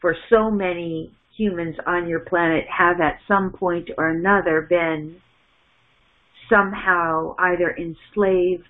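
Recorded at home in a small room through a wired earphone mic on a webcam call, the audio sounds narrow and phone-like. A middle-aged woman with a lowish, fairly even voice delivers a channeled message as "we," measured and halting, frequently restarting and repeating words.

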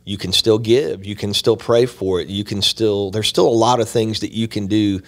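Rambling, low-voiced man in his fifties. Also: steady tone, moderate pace. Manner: earnest, rambling, heavy on filler asides. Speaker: church podcast co-host. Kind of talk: casual chat. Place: small indoor podcast studio. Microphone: boom mic close to mouth.

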